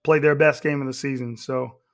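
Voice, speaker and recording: A young man with a hoarse, croaky voice, still recovering from losing it, co-hosting a casual sports podcast and rambling between ad reads. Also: mid-range voice, fairly even intonation, fairly quick. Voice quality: croaky, nasal. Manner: rambling, self-interrupting. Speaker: podcast co-host. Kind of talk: casual sports podcast chat, reading ads.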